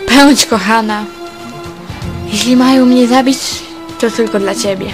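A woman's voice: fairly high pitch, a little slow, close to an everyday voice. A woman reading the lines of a lovesick young male vizier in an earnest, pleading way, with faint music behind.

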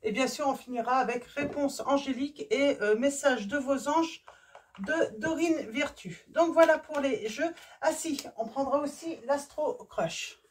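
A woman with a hoarse voice reading tarot cards for her viewers, casual and hesitant, often stopping to search for words. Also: sits high, unhurried, recorded from a distance, slight background noise. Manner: hesitant, many fillers and restarts. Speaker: tarot reader. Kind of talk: casual card-reading video.

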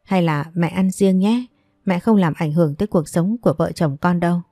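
A woman's voice: on the low side, normal speed, no room sound, clean studio sound. A woman voicing a scornful, nagging older mother-in-law who complains theatrically. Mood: self-pitying. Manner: sharp and wailing, theatrical complaints.

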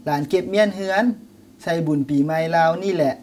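An actor playing a young Lao nephew in a scripted teaching skit, earnestly explaining an old proverb book. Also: male voice, on the high side, fairly quick, a little mellow, close to an everyday voice. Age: young adult. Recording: distant mic, faint noise.

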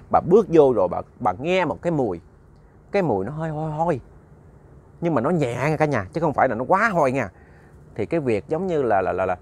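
Male ghost-story narrator, conversational and animated, speaks to listeners directly. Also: medium pitch. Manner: conversational, repeats words, addresses listeners as "cả nhà".

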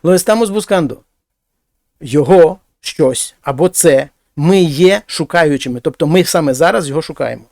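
Guy teaching spanish, kinda high voice, dry close sound, says examples louder. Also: animated, creaky, dry recording. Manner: explains slowly, speaks example phrases louder and higher. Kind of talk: language lesson.

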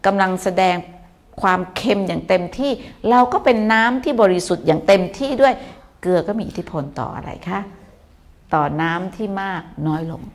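An older woman gives a live Buddhist talk and answers questions from viewers. She speaks in a warm, teasing way and acts out small everyday examples as she goes. Her voice sits at a middle pitch. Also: expressive, moderate pace. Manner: warm, teasing, acts out little quoted lines. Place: temple in Melbourne.

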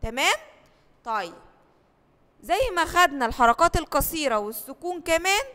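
A woman teacher with an Egyptian accent gives a lesson to first graders, asking questions, answering them herself and drawing out each model word slowly. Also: sits high, very animated, bright, forceful tone, big-room sound. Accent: Egyptian Arabic. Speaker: primary school teacher.

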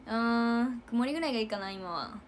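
A young woman chatting casually on a livestream, giggling and acting out loud quotes. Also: on the high side, fairly quick, a little hiss or hum. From Japan. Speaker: idol livestreamer. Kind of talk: casual livestream chat with viewers.

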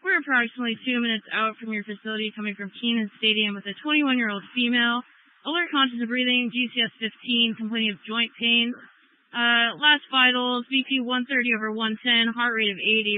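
A man's voice: very high-pitched, steady tone, fairly quick. A man on an ambulance radio, giving a clipped clinical report to a hospital as a crew member. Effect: radio transmission. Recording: narrow phone-like radio scanner feed.

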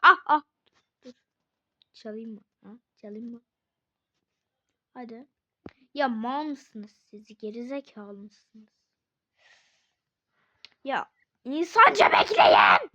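Young woman, casual game commentary, high bright voice, excitable and prone to shrieks. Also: slow, long pauses. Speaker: gaming video creator. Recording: dull lo-fi sound.

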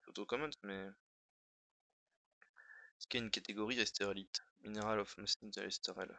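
A man's voice: lowish voice, fairly even intonation, moderate pace, creaky, bright, forceful tone, no echo. A man on a casual live stream thinking aloud as he edits a dictionary wiki. He mutters and repeats words to himself while he works and chats to his viewers in between.

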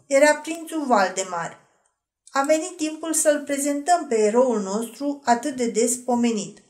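A woman narrating an audiobook in a measured, expressive reading. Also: high-pitched. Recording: roomy echo.

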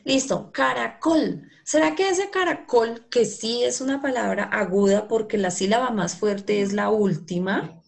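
A woman's voice: medium pitch, moderate pace, vocal fry. A woman, a primary school teacher patiently coaxing answers from children in an online class over a video call.

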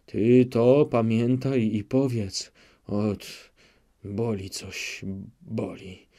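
Male narrator's take on a drunken Cossack chief: slurred, muttering, low and unhurried. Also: steady tone, warm tone. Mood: drunken rambling. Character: drunken brooding Cossack leader, middle-aged man. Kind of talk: audiobook character reading.

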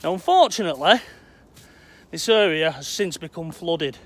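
A man's voice: on the high side, expressive, moderate pace, a bit bright, slight background noise. A middle-aged man with a Lancashire accent, chatting to viewers while walking through outdoor woodland, filmed on a handheld phone. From England. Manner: chatty, addresses viewers as "Hot Potters". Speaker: vlogger exploring old railway sites. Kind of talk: walking outdoor vlog to camera. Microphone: phone camera held at arm's length.

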